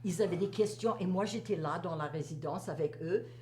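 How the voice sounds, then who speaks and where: A woman's voice: on the low side, a little fast, a little mellow. An older woman with a Cajun French accent chats and reminisces, repeating phrases for emphasis and dropping in the odd English word. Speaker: interviewee, teacher recalling a career. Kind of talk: casual reminiscing conversation. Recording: echoey room, faint hum and noise.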